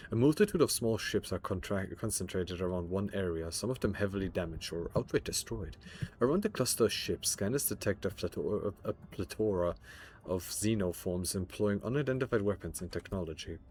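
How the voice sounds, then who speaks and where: A man's voice: low voice, animated, brisk, darkish tone, slight background noise. A young man livestreaming a game, rambling and stammering as he chats, swears and jokes with his viewers. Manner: rambling, stammering, profane and joking. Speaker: streamer. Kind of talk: casual game livestream chat.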